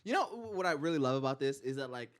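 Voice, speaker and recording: A man co-hosting a casual comedy podcast, joking in a laid-back, drawn-out way. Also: medium pitch, very animated. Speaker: podcast co-host.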